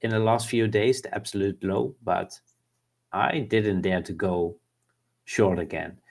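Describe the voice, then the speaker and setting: Co-host, man, low voice, easygoing and casual. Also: unhurried, creaky, a little mellow. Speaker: livestream co-host. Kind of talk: casual livestream chat.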